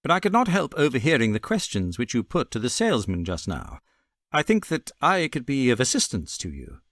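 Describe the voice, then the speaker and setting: A knowing British gentleman detective, acted by a male reader in a classic audiobook. He speaks smoothly and with assurance, his pitch moving freely, recorded dry and close. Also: huge pitch swings, fairly quick, no echo. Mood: bland, assured.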